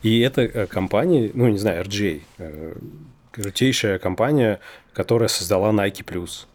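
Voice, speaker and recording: A man who has trouble pronouncing the letter r, talking casually and hesitantly as an interview guest, thinking aloud with drawn-out pauses. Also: on the low side, a little mellow, slight background noise. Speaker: interview guest, design company executive.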